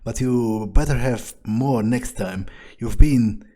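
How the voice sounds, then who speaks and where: Speaking slowly in a mellow, mid-range voice, a man stays in character as a foul-mouthed, arrogant, scheming vampire during gameplay. He mutters a scornful, profane monologue to himself.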